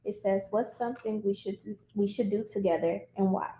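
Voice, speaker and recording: Mellow woman reading question cards. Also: mid-range voice, steady tone, brisk. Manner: reads prompt cards out, brief and friendly. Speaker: question reader. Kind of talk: casual chat. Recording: roomy echo, faint hiss.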